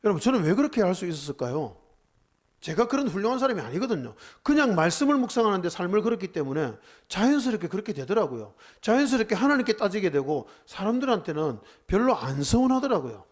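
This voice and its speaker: Middle-aged male pastor, earnest conversational sermon with rhetorical questions; animated, slightly high voice. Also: fast talker. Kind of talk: sermon at a seminar. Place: church.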